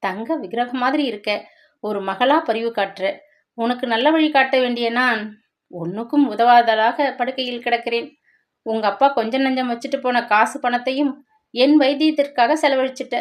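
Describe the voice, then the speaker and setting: A pleading, heartfelt bedridden stepmother, put on by a woman narrator. She speaks in a fairly high voice, as a tearful figure in a spoken family drama. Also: normal speed, natural voice. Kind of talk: dramatic storytelling.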